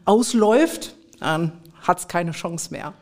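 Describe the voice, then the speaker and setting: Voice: medium pitch, slow. A podcast host chatting casually and agreeing with the guest. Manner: agreeable, brief backchannel responses. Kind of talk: conversational podcast chat.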